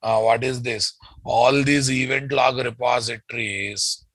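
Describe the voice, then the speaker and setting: A man's voice: mid-range voice, steady tone, a little slow, fairly bright tone, breathy edge, no room sound. A man with a Telugu Indian accent giving a live technical lecture as a trainer, explaining step by step and repeating key phrases while addressing his students informally. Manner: repetitive, often addressing students as "guys". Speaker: software trainer.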